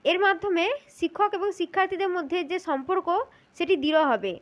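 A woman's voice: very high voice, brisk. A woman giving a spoken lesson for teaching-exam interview preparation, methodical and repeating key points as she speaks directly to the listener.

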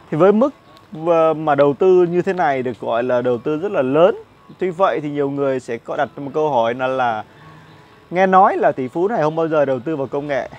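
A man's voice: a little high, a little mellow, muffled recording. A man in his thirties giving casual stock market commentary outdoors on a lapel mic, chatty and full of fillers and repeated words. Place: outdoor cafe patio with plants.

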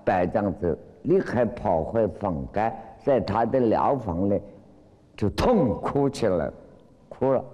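A man teaching as a Buddhist lecturer, retelling a Zen story with lively acted-out cries and frequent drawn-out fillers. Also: on the low side, lo-fi sound. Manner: animated storytelling, acts out quoted cries. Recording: long hall reverb.

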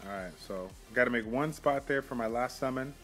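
A young man hosting a mobile game channel, casually commenting on his summons with quick excited outbursts, recorded on a phone mic. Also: medium pitch, soft background music.

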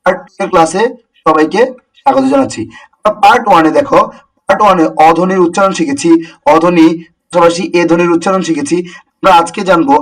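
A young man teaches an online class at a brisk clip, voice pitched high. He keeps asking rhetorical questions and repeating each point. The mic sits some way off, so he sounds a bit distant. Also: a bit bright.

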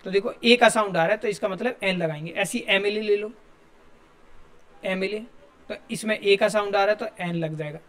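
A man's voice: high voice, normal speed, a bit bright. A male teacher, giving a classroom grammar lesson and explaining step by step while asking his students questions.

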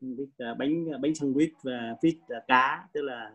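Slow halting older Vietnamese man. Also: medium pitch, a bit bright, dull audio. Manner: halting, repeats words slowly. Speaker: adult English learner. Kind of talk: English pronunciation practice.

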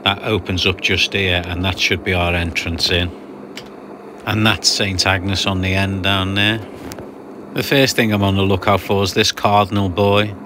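A man with a somewhat low voice talks through a sailing passage in a relaxed voice-over. He explains things patiently and slips in dry jokes. A clear, steady hiss runs under the recording. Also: unhurried. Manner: chatty, explanatory, dry humour. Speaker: sailing vlogger narrating a passage.

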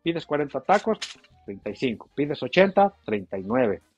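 A man's voice: fairly high pitch, very animated, vocal fry, a little mellow, breathy edge, lo-fi sound, faint music behind. A man, a taco vendor chatting casually on a livestream and reading viewer comments, laughing often. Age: 40s. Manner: chatty, laughs often, drawn-out playful exclamations.

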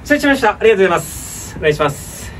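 A young man with a very high voice plays a junior worker in a comedy sketch. He speaks quickly and politely, in a deferential, apologetic manner, over faint background noise. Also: very animated, fairly bright tone, distant mic. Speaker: comedy sketch performer playing a junior parlour employee. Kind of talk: comedy sketch dialogue, polite workplace speech.

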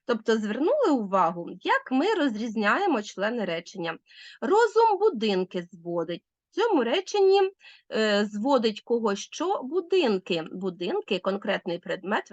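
A woman's voice: medium pitch, no room sound. A woman teacher giving a recorded grammar lesson, asking leading questions and answering them herself.

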